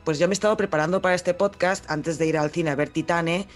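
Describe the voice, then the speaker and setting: A woman's voice: on the low side, fairly even intonation, quick pace, soft background music. A woman with a Spain Spanish accent co-hosting a film podcast, talking in a chatty way, explaining things and joking freely. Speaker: podcast co-host. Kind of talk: casual film podcast chat.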